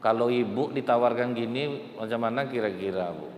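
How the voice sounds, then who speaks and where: Storytelling preacher in an echoing hall. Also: male voice, medium pitch, moderate pace, a little hiss or hum. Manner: lively storytelling, addressing the women directly. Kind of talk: humorous sermon. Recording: echoey hall, faint ambience.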